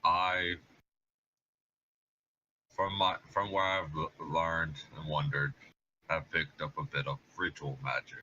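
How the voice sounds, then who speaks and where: Deep-voiced man on a dull mic. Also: flat delivery, takes it slowly, long pauses, bright, forceful tone. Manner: wry, theatrical when in character. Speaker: player. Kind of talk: casual tabletop play. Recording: dull lo-fi mic with faint noise.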